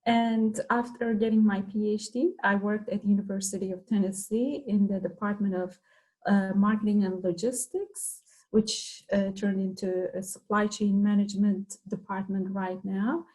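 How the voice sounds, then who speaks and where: A woman's voice: medium pitch, steady tone, normal speed, a little mellow, poor audio. A middle-aged woman from Turkey, a professor, explaining her field in an interview with frequent fillers. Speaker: guest, professor. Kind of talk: interview conversation.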